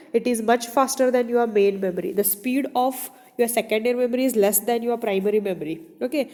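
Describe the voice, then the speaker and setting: A woman's voice: fairly high pitch, warm tone. A woman teaching computer science in a classroom lecture, often checking with the students. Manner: repeats "your" and "done?" as she checks on students. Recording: echoey room reverb.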